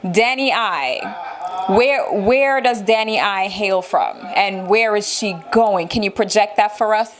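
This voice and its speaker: A woman's voice: medium pitch, a crowd in the background. Brief: woman interviewer, encouraging, supportive, casual chat, mid-range voice. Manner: encouraging, quick affirmations. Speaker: interview host.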